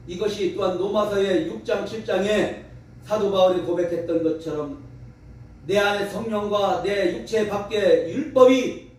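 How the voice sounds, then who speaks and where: At a revival meeting, a male preacher delivers a fervent sermon and prayer in a high, slightly mellow voice, emphatic and exhorting, with rhetorical questions. He is picked up from a distance in a large, heavily echoing room, with faint background noise.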